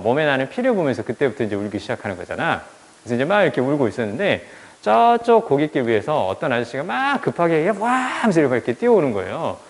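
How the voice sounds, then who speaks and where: A man's voice: mid-range voice, long reverb tail. A male teacher telling a childhood story in a lecture, acting out the people he quotes. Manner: animated, acts out quoted voices. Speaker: English teacher.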